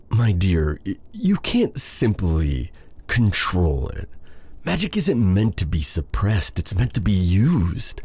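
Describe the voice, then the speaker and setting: In an intimate ASMR roleplay drama, a man voices a dark sorcerer who is proud yet tender. His low, breathy, gravelly delivery is exaggerated, with a halting, theatrical courtliness.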